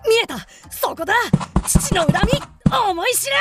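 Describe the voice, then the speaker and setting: A woman's voice: a little high, lively intonation, moderate pace, loud music behind the voice, lightly acted. A woman voicing an earnest young male samurai in a period audio drama, bold and declamatory. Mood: vengeful. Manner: bold, declamatory, turning polite to superiors.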